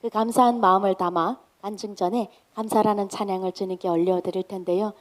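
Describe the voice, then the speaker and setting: A woman's voice: medium pitch, steady tone, a little fast. North Korean woman giving church testimony. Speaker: guest testimony speaker at church. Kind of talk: church testimony, addressing congregation. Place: church, speaking to a congregation.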